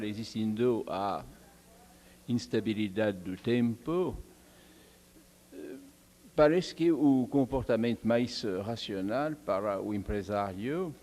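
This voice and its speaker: A man from the audience asking a long, careful question at an academic seminar, with many pauses and fillers. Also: mid-range voice, mellow. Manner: slow, deliberate, with frequent hesitations. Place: seminar hall.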